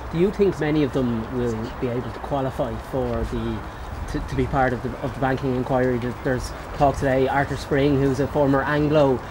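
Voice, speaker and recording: A man asks questions as a news reporter at a doorstep interview. He talks quickly in a medium pitch. Street and vehicle noise is clearly heard behind him. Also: fairly even intonation. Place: outdoors. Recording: outdoor noise, traffic behind.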